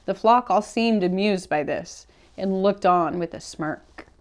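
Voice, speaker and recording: Reading a rhyming storybook to children, a female read-aloud host speaks at a medium pitch, her phrasing deliberate and expressive.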